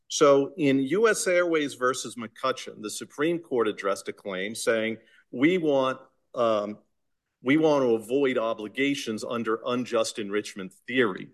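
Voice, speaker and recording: A man with a Boston accent, an attorney making an oral argument before appellate judges in a measured, insistent way. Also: medium pitch. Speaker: attorney arguing an appeal.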